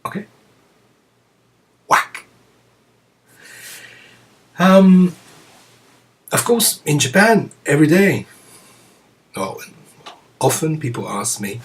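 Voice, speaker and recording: A man giving a reflective Zen teaching talk to students, musing aloud with many pauses and soft chuckles. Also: fairly high pitch, sing-song. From France. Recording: voice picked up from a distance.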